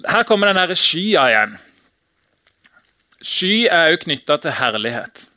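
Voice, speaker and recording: A man delivers a casual, conversational sermon in a high, bright voice. He keeps it light, chuckling and acting out the lines he quotes. The sound is dry, with no room echo. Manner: casual, chatty, laughs often, acts out shouted quotes. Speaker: preacher. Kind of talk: informal sermon.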